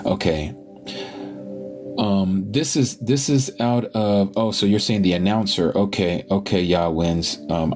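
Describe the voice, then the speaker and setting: A man hosting a live scripture study, reading passages aloud and thinking out loud as he stops to check pages and look up words. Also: low voice. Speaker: online scripture study host.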